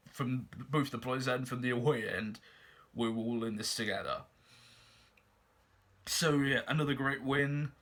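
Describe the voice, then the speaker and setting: Male football fan vlogger, bright forward voice, earnest and slightly halting in an off-the-cuff match review. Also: mid-range voice. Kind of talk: unscripted match review to viewers.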